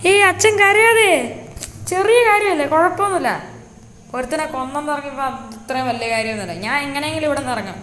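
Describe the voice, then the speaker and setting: This is a cocky young son from a game web series, voiced by a woman. He talks loudly and brashly, in a high voice. The sound is echoey, with a faint hiss. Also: racing. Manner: loud, brash.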